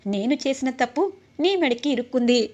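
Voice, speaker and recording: A woman's voice: sits high, expressive, a little fast, a little mellow, dull audio. A woman reading the part of a spiteful, scheming older woman of the household.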